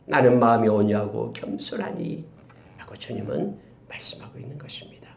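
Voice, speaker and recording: A male pastor preaching a sermon, moving between loud, stirring exclamations and hushed, whispered asides. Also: on the low side, huge pitch swings, fairly quick, creaky, background noise. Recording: roomy echo.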